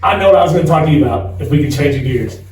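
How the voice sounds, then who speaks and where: A man's voice: on the high side, animated, rapid-fire, darkish tone. A man in his forties co-hosting a podcast, talking casually in a chatty, rambling way and laughing often. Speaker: podcast co-host. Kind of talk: casual chat. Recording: echoey room, distant mic, faint hiss.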